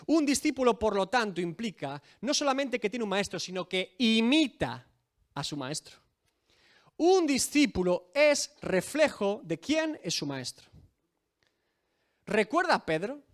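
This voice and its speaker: A man preaching a sermon in a high voice that swings widely up and down. He peppers his talk with rhetorical questions and dramatic quotes. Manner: rhetorical questions, dramatic quoting of scripture figures. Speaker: pastor.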